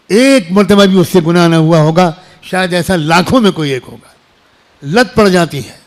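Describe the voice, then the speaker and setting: Male preacher, middle-aged, somewhat high pitch; emotional, repetitive, pleading sermon delivery. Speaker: Islamic preacher. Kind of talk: emotional sermon to young people.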